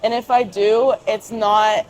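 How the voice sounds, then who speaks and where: A woman's voice: mid-range voice, flat delivery, slow pace, a little mellow, rough recording. A young adult woman speaking as a guest in a casual interview, with informal, youthful phrasing full of fillers.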